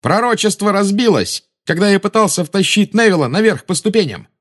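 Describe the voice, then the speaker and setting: A man voicing a defiant teenage boy wizard who shouts and taunts, in an audiobook reading. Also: high voice, lively intonation, a little fast, voice pushed up.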